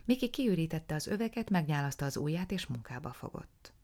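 Egy nő, aki egy kemény hangvételű krimit olvas fel hangoskönyvként, gyakran suttogóra halkítva. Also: female voice, sits low, very animated, a little mellow. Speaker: audiobook narrator. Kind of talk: scripted narration of a crime story.

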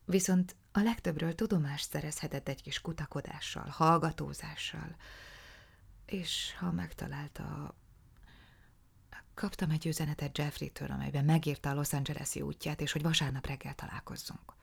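Aggódó, halkan, félig suttogva mesélő asszony, akit egy felolvasó nő jelenít meg. A hang mély és enyhén recsegő, sokszor elhalkul. Bizalmas, visszafogott beszéd. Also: female voice, deep voice, fairly even intonation, gravelly, breathy edge, heavily acted. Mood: anxious confession. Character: worried married woman confessing, hushed.

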